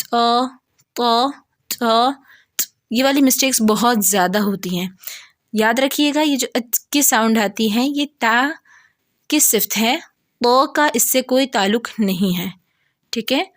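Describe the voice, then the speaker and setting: A woman with a Pakistani Urdu accent teaching Quran letter pronunciation. She speaks patiently and repeats each sound slowly several times. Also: fairly high pitch, no echo, studio quality. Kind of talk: recorded lesson.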